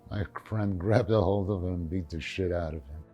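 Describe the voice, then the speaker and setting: An elderly Holocaust survivor with a Yiddish accent gives testimony in an interview, reminiscing in plain, short phrases he often repeats, with Yiddish words mixed in. His low voice is mellow with a breathy edge and a moderate pace. The recording is muffled, with soft music in the background.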